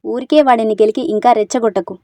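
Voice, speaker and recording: A woman's voice: on the high side, steady tone, fast, dark tone, no room sound, clean studio sound, close to an everyday voice. A woman voicing a teasing, level-headed young woman friend in a storybook reading. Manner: teasing and reassuring.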